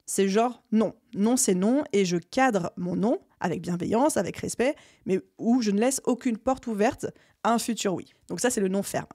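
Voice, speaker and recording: A young woman hosts a solo business podcast, walking listeners through her methods step by step. Her voice is mellow and warm, recorded close in a dry, quiet room. She coaches in a clear, structured way, leaning on key words. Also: medium pitch, normal speed, no echo. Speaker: podcast host. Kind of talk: solo podcast advice talk.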